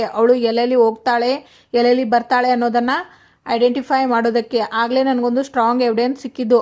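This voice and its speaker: A woman's voice: fairly high pitch, darkish tone, close to an everyday voice. A woman reading a stern young man. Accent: Kannada. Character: stern young man explaining his investigation.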